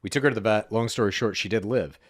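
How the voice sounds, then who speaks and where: A man from Texas co-hosting a comedy podcast, telling stories in a deadpan, matter-of-fact way. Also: on the low side, fast, no echo, studio quality. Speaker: podcast co-host. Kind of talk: casual comedic chat.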